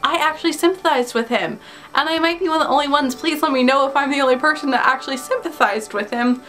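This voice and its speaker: A woman's voice: high-pitched, fast talker, sharp tone, faint music behind. A woman chatting casually and eagerly through a film review, gushing and giggling as she gives her opinions. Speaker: YouTuber reviewing films.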